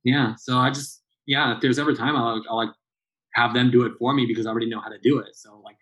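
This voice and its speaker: A man in his late thirties from Southern California, appearing as a barista guest, chats casually in an interview, rambling with plenty of fillers and restarts. His medium-pitched voice is husky and fairly bright, delivered fast and flat. The recording is rough.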